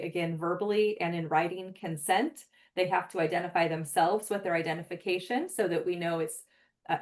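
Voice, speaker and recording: A woman's voice: fairly low pitch, darkish tone. A woman giving a webinar presentation in an earnest, explanatory way, talking conversationally with many "um" fillers. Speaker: presenter for a forensic database program.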